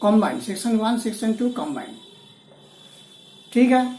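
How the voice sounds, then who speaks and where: A woman's voice: medium pitch, very animated, mellow. Woman teaching, echoey room. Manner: explains slowly, mixing Hindi with Bengali and English terms. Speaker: stenography teacher. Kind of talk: classroom lesson.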